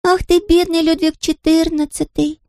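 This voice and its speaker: Squeaky little chick girl. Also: little pitch movement, normal speed, mellow, dry recording, studio quality, soft background music. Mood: friendly. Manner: eager questioning. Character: tiny fluffy yellow chick girl, curious and chatty.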